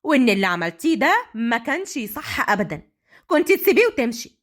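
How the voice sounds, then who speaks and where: A woman's voice: on the high side, very animated, fairly bright tone. A woman doing a scolding older sister. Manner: scolding, brisk.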